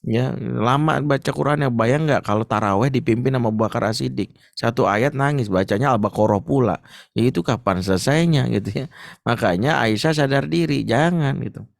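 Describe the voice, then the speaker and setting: A man speaking as an ustadz in an Islamic parenting talk, answering a question in a lively, joking way. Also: mid-range voice, fairly quick, creaky, no room sound, studio quality. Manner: lively, joking, acts out stories.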